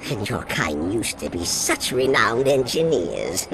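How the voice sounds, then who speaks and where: An actor playing a pompous villainous alien emperor in a video game cutscene, with a theatrical, sneering, drawn-out delivery. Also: male voice, lowish voice, big pitch swings, gravelly, crowd noise, full character voice.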